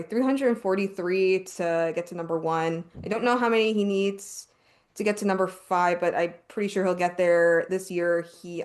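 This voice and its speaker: A woman hosting a casual sports podcast, reading out stats, stopping to correct herself and laughing along. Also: on the low side. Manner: reads numbers haltingly, self-corrects, laughs often.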